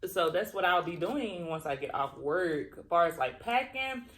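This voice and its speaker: A woman chatting casually and colloquially to viewers during a mukbang, chewing as she talks and pausing between bites. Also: fairly low pitch, lively intonation. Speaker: mukbang vlogger. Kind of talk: casual chat to viewers while eating.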